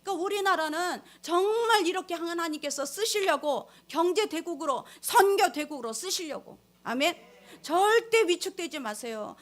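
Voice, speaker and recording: A woman pastor with a high voice preaches a sermon to her congregation. She is emphatic and alternates between forceful exhortation and soft, hushed storytelling. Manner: addresses the congregation directly.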